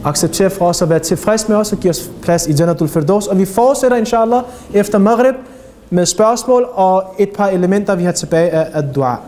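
A man's voice: high voice, a little hiss or hum. A man giving a religious lecture to young people as an Islamic teacher, talking animatedly and putting rhetorical questions to his listeners. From Denmark. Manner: animated, addresses audience directly with rhetorical questions.

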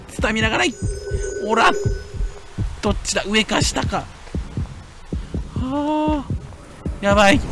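A man giving lively let's-play commentary on a horror game, muttering to himself and then yelling at scares. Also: very noisy. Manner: animated, jumps from low mutters to yelps and shouts. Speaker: game streamer.

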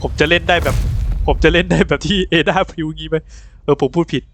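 Excitable young-sounding man doing game commentary. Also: on the high side, fast, no echo. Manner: excitable, frequent loud exclamations; chatty, explains game items. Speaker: gaming channel host. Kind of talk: casual gameplay commentary.

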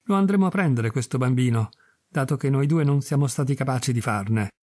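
A man voicing an aging, gruff farmer husband in a storybook reading. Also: medium pitch, fairly quick, darkish tone, no echo, studio quality, close to an everyday voice. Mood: gleeful. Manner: gruff, stunned then gleeful.

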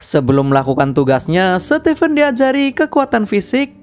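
A woman giving scripted narration that retells a film's plot in a steady storytelling manner. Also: mid-range voice, normal speed. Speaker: film recap narrator. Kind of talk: scripted film recap narration. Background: background music.

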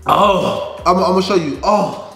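Playful high-voiced man in echoey room. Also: measured pace, vocal fry, fairly bright tone, soft background music. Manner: playful, teasing, laughs often. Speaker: vlog co-host. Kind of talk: casual challenge vlog banter.

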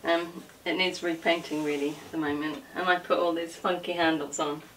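Her voice is low with little pitch movement, and she speaks at a moderate pace. A vlogger in her forties, she gives a casual, chatty tour of a small dressing room in her home, drifting into informal asides as she moves about showing things. A camera a few feet off picks her up at a distance, along with background noise and clicks.

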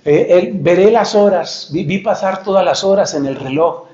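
A man giving an animated, joking lecture-style talk as a friar preacher, who searches for words and mocks the voices he quotes. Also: high-pitched, moderate pace. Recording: echoey lo-fi room recording.

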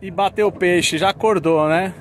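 A man chatting excitedly and laughing often as he hosts a fishing vlog out on a boat. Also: sits high, moderate pace. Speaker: fishing vlogger host. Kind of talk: casual on-camera fishing chat. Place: outdoors on a boat at sea. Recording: loud wind and boat noise.

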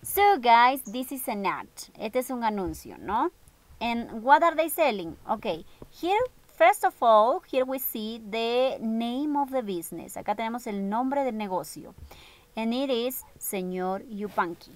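Bilingual woman teacher, high voice. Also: sing-song, slow, dry recording. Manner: switches between English and Spanish, repeating each phrase; encouraging, patient. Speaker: English teacher. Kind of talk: bilingual online class.

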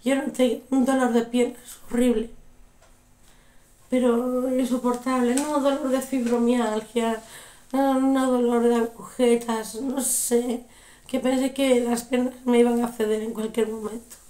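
A young woman, telling a story casually in a vlog with animated, repeated exclamations, sounding unwell. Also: fairly high pitch, unhurried, roomy sound. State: unwell, recovering from illness. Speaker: vlogger.

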